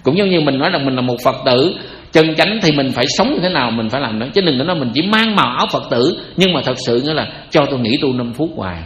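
Slight background noise sits under this man's mid-range, animated voice, which moves at a quick pace with a fairly bright tone. He's a Buddhist teacher with a Southern Vietnamese accent, preaching in an echoey hall with jokes, chatter, and rhetorical questions.

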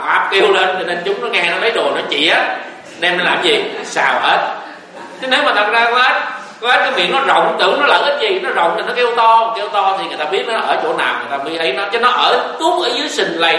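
A man's voice: sits high, animated, quick pace, sharp tone. A man, giving a joking, folksy Buddhist dharma talk. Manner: folksy, joking, rising and falling emphasis. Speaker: Buddhist teacher. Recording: echoey room, voice from a distance, faint hiss.

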